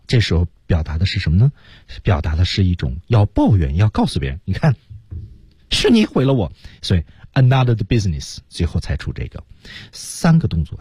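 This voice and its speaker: A man co-hosting an English lesson on a radio program, explaining lively and acting out English lines. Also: low voice, slightly rough, no room sound, studio quality. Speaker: radio English teacher, co-host. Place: radio studio.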